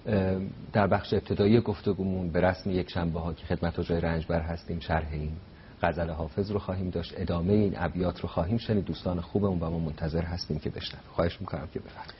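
Deep-voiced polite TV host. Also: male voice, steady tone. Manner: polite, formal, ceremonious. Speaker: TV program host. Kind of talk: formal broadcast hosting. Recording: slightly dull with faint rumble.

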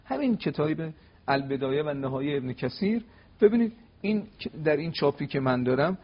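A man giving an animated religious talk on television, telling stories and acting out quoted exchanges with emphasis. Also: husky, highs cut off. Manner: emphatic, acts out quoted dialogue with rising pitch. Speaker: cleric guest on religious TV talk. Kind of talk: animated religious lecture with storytelling.

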